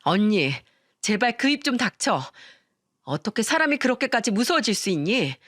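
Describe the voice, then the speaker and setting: A woman's voice: on the high side, sing-song, normal speed, a bit bright, no echo, studio quality. A woman voicing an angry, loyal young woman who scolds her older sister sharply and hurls accusations. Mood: furious.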